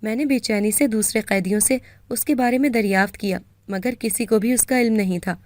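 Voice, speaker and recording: A woman's voice: medium pitch, darkish tone, no echo. Woman, Pakistani Urdu accent, storytelling narration, earnest, dry sound. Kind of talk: first-person story narration.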